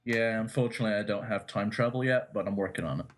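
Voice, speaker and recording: A man's voice: on the low side, fast talker. Blunt swearing male podcast co-host. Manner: blunt, ranting, swears freely. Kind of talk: live post-show chat.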